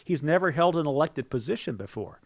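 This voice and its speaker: A man in his fifties, a talk-show guest, speaking in a halting way with many restarts and fillers. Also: a little high, very animated. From Norway. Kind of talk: political talk show conversation.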